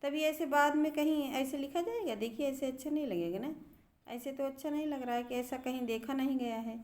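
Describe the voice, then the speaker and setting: A middle-aged woman teacher with a somewhat high voice talks her students through a grammar lesson. She is patient and drawn out, often saying a word slowly several times so its sound is clear. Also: darkish tone. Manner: patient, repeats words slowly to show pronunciation.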